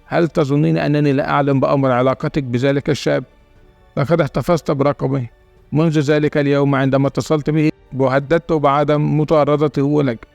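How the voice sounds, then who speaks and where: Brief: controlling elderly grandmother, man reading, stern, quick and gravelly. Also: fairly high pitch, flat delivery, darkish tone, no echo, muffled recording, faint music behind. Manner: stern, commanding.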